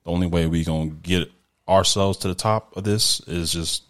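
A man with a very low voice speaks sincerely and at length, stopping and restarting as he looks for the words. The tone stays conversational and unhurried. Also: fairly even intonation. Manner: earnest, halting with restarts. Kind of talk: casual interview chat.

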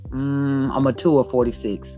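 Her pitch sits extremely low, and this late-forties podcast host talks at a measured pace with a flat but warm delivery. She keeps the chat casual yet blunt, hammering points home through repetition, over muffled lo-fi sound and background music.

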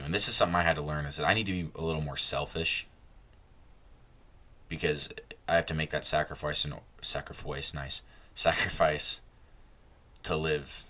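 A man's voice: very deep voice, pushed and bright. A young man hosting a casual solo podcast, rambling and stopping himself mid-sentence, laughing at his own slips. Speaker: podcast host.

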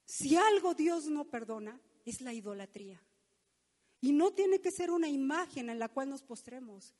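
A woman's voice: sits high, darkish tone, long reverb tail. A middle-aged woman with a Mexican accent, preaching a sermon with emphatic storytelling and asides to the congregation.

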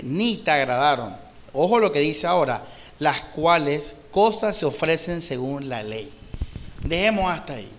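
Colombian male pastor with a fairly high voice, teaching sermon, asks questions and answers them himself. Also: a bit bright. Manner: poses rhetorical questions and pauses for the answer; reads scripture aloud, then explains it. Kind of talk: expository sermon.

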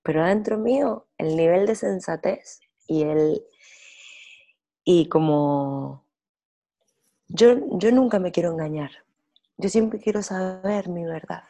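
Reflective woman with a gravelly voice. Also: lowish voice, takes it slowly, pauses often. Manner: animated storytelling, acts out inner dialogue, repeats phrases. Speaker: guest, women's workshop leader. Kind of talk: reflective conversational interview.

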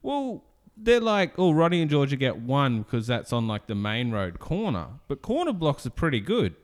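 A man's voice: medium pitch, very animated, normal speed. A man co-hosting a podcast in casual chat, dryly teasing and mimicking the people he talks about. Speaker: podcast co-host. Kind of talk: casual banter reviewing a TV show.

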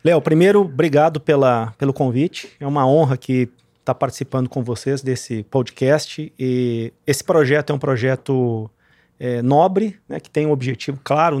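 A real estate marketing executive from Rio Grande do Sul in southern Brazil tells his career story as an interview guest, speaking informally and sprinkling in tags like "né, cara". His mid-range voice is a little mellow, recorded at studio quality with no room sound.

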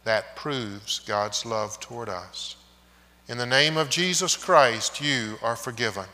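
A pastor leads the congregation in prayer, a man with a bright, forceful tone who speaks very slowly. His measured phrases trail off quietly and ring out in a long cathedral echo. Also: mid-range voice. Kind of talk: leading liturgy and prayer. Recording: long echoing reverb of a large church.

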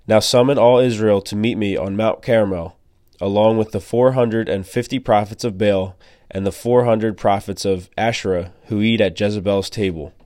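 A man reading the part of a stern, commanding male prophet in a measured, solemn way. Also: lowish voice, steady tone, a little mellow, dry recording, clean studio sound, close to an everyday voice.

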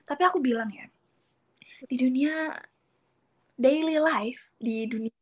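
A woman speaking as a guest in a casual chat about learning Japanese, animated and acting out what other people say. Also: high-pitched, slow pace. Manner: animated, acts out quoted speakers.

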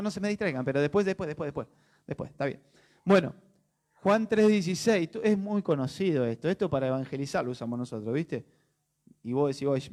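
A male pastor with a Rioplatense Spanish accent preaches a sermon in a loose, conversational style. He fires rhetorical questions at his listeners and keeps things jokey. His voice sits fairly high for a man. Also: a little mellow.

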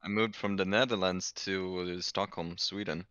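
A man's voice: deep voice, steady tone, moderate pace, a bit bright, dry recording, dull audio. A man chatting casually in a joking, playful way. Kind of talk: casual banter.

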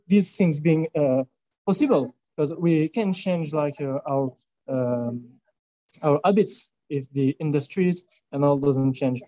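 Halting French-accented young man. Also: fairly high pitch, dark tone, no echo, poor audio. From France. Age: 20s. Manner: halting, many filler sounds and restarts. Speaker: youth scout representative. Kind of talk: panel interview.

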